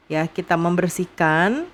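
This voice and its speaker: Slow, patient Indonesian woman teacher. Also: on the low side. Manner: repeats each phrase slowly, patient and drawn-out. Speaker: English teacher. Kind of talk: slow vocabulary lesson for young students.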